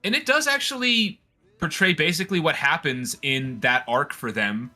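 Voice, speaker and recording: A man co-hosting a casual chat, excitable and rambling, with frequent restarts. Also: fairly high pitch, normal speed. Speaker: podcast co-host.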